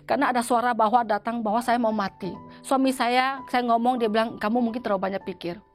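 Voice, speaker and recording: Woman, testimony interview, higher pitch, halting with many restarts, soft music underneath. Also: fairly even intonation. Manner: halting, with frequent restarts and repeated words. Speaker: church member giving a testimony.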